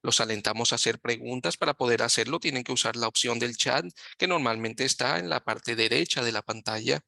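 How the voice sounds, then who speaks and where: A man giving live Spanish interpretation of a webinar over a video call, talking in halting phrases and often correcting himself mid-sentence. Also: mid-range voice, vocal fry, bright, forceful tone, no room sound, studio quality. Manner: halting, with frequent self-corrections.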